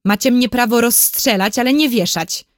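A woman's voice: on the high side, moderate pace, no room sound, studio quality, pitched above the performer's own voice, lightly acted. A woman reading a storybook, voicing a brave, defiant young boy soldier who talks back boldly. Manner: bold, insistent.

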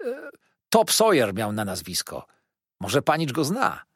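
Man doing a cheeky, loud young inn waiter, husky, bouncy delivery, audiobook. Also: medium pitch, wildly swooping pitch, a little slow, no echo, clean studio sound, heavily acted. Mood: teasing, boastful. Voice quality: jovial, teasing and loud. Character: chatty, boastful young male inn waiter. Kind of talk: audiobook character voice.

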